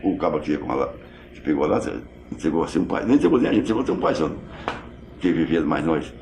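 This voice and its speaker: An older man, recounting what he saw in quick, halting bursts full of restarts. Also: rumbling low, very animated, creaky, darkish tone, a little hiss or hum. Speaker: eyewitness interviewee. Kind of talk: storytelling recollection. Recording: roomy echo.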